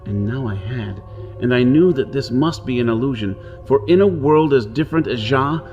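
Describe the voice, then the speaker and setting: A male actor serves as narrator and lead in a pulp science fiction radio drama, speaking in the first person as a hard-pressed, hunted outlaw on Mars who is brusque and wary. His medium-pitched voice has lively intonation and a brooding, reflective, dramatic delivery at normal speed, though the acting is light. Faint music plays underneath, and the highs are cut off.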